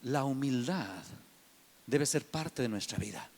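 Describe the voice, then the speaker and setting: Man, sermon, emphatic, animated pitch, slow delivery, long hall reverb. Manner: emphatic, swinging from shouts to hushed whispers. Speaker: preacher.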